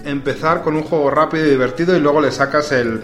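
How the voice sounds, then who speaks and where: A man's voice: fairly high pitch, steady tone, quick pace, echoey room, soft background music. A man with a Spanish accent, a podcast guest chatting in an easygoing, agreeable way. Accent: Spain Spanish. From Spain. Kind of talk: casual chat.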